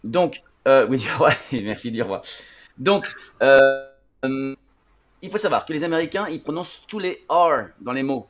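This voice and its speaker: A man runs a televised English lesson at a middling pitch. He explains step by step, pausing often on fillers and restarting his sentences. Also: animated, soft background music. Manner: hesitant, many fillers and restarts. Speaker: English teacher on a TV show. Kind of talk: classroom-style TV lesson.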